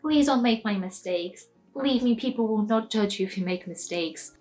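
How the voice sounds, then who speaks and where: A young woman from Eastern Europe rants in an opinionated vlog, emphatic and a little preachy. Her voice sits fairly high. Faint music plays behind her. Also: animated, normal speed, darkish tone, rough recording. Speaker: study abroad vlogger.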